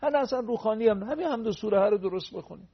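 A man explaining the pronunciation of Quran recitation on a TV talk show, earnest, with slow recited examples. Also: high-pitched, expressive, creaky, slightly rough, dull audio. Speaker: religious guest teaching Quran recitation.

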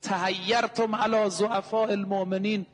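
A man with a high voice delivers a sermon, posing rhetorical questions and stacking up emphatic lists. His voice rings out with a long reverb, as if in a large hall. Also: level tone. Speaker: preacher.

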